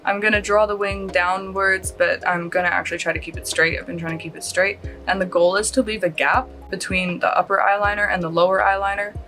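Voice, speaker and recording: Speaking a little fast with hardly any pauses, this woman has a medium-pitched, fairly even, sharp-toned voice, and faint music plays behind her. She's a late-thirties beauty vlogger from Australia, mostly Californian in accent but with Australian traces. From her home under a close lamp, she gives a rambling, casual makeup tutorial, often laughing at herself.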